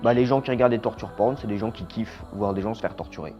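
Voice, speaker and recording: A man giving a casual, opinionated horror film review. He is blunt and slangy, and his voice trails off quietly at the ends of phrases. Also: fairly low pitch, quick pace. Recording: slightly dull lo-fi sound with faint music.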